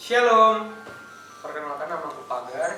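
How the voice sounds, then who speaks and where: A man's voice: a little high, lively intonation, normal speed, noisy background. A nineteen-year-old man, a university student, talking casually to camera in an earnest, loose way full of fillers. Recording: echoey room, voice far from mic.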